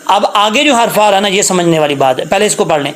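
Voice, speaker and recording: A man teaching Quran recitation rules, spelling words letter by letter and chanting verses slowly, often checking that listeners follow. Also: sits high, expressive, fairly bright tone, slight background noise. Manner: slow, drawn-out chanting when reciting, patient explaining; checks understanding with repeated questions.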